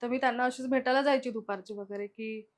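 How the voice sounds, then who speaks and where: Speaking quickly at a fairly high pitch, a young woman guest keeps her tone steady while recounting things that happened to her. In a chatty way, she performs the dialogue of everyone involved, quoting them often.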